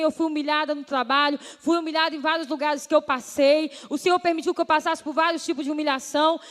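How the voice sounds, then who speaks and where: A woman pastor tells her testimony to a congregation in an earnest preaching voice. Her voice sits notably high. It rings out with a long reverb in a church hall. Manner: earnest, addresses listeners as brothers and sisters.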